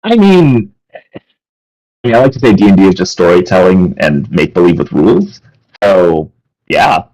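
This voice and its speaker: A man's voice: low-pitched, big pitch swings, normal speed, darkish tone, rough recording. A man co-hosting a casual talk stream, hesitant and thinking aloud with many restarts. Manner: hesitant, full of "I mean" and restarts. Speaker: podcast co-host.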